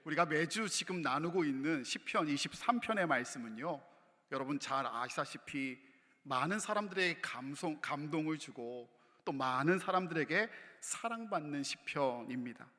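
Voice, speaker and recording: A male pastor preaches in a relaxed, conversational way that slips into storytelling. His voice is bright and a little high. Long reverb from the sanctuary trails behind him. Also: moderate pace. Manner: conversational, warm-humored storytelling. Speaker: senior pastor. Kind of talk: sermon. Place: church sanctuary.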